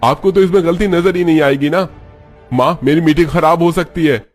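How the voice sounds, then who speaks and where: A man voicing a short-tempered young husband in a cartoon story who yells and accuses, with faint music behind. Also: mid-range voice, moderate pace, voice pushed up, lightly acted. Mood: furious. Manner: yelling, accusing.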